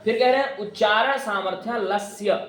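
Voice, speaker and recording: High-voiced male Sanskrit teacher, echoey classroom. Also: crowd noise. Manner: drills students with call-and-response questions; chanting grammar rules slowly.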